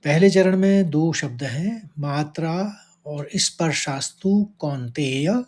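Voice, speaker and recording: A man teaching the pronunciation of a Sanskrit verse in a devotional lesson, from India, chanting the lines slowly and drawn out between his explanations. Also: on the high side, a little mellow. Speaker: Gita recitation teacher.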